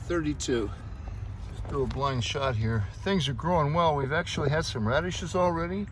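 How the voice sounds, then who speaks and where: A man's voice: on the high side, moderate pace. An American man giving a casual, plainspoken garden vlog, explaining things informally as he goes. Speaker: garden vlogger. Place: outdoors in a home garden. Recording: noisy outdoor recording with traffic. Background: traffic and outdoor ambience.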